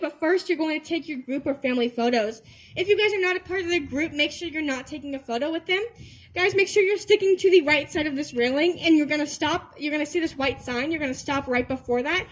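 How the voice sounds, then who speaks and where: A woman giving a rehearsed, informal tour talk as a guide. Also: high voice. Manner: informal, instructive.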